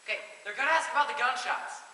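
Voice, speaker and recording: A teenage actor playing a sarcastic, wisecracking wealthy party guest in a school stage comedy. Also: male voice, very high-pitched, sharp tone, full character voice. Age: teens. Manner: sarcastic, quick jabs. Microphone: distant room mic. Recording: echoey auditorium from far off, faint hiss.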